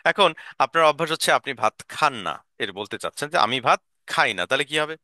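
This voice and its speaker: A man's voice: mid-range voice, expressive, fairly quick, bright, forceful tone, dry recording, clean studio sound. A man teaching English verbs in a lesson, saying each sentence in Bengali and then in English and having learners repeat after him.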